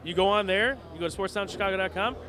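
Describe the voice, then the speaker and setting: Male wrestling-show interviewer, high-pitched, casual and conversational, with crowd and street noise behind. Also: quick pace. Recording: outdoor urban crowd and traffic noise.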